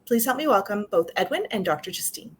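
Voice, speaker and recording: A woman introducing a new staff member, speaking with frequent pauses and fillers. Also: medium pitch, expressive, slight background noise.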